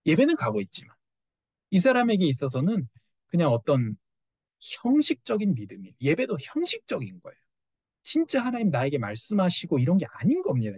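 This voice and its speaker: A middle-aged man preaching a sermon with a fairly high voice that swings up and down in lively fashion. He drives his points home with rhetorical questions. The sound is close and dry, with no room echo. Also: husky. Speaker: pastor.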